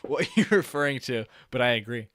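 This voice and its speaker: A man streaming live, reacting to a video with excitable, swearing, joking commentary. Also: mid-range voice, a little fast, no room sound, studio quality. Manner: excitable, swears, laughs and jokes a lot.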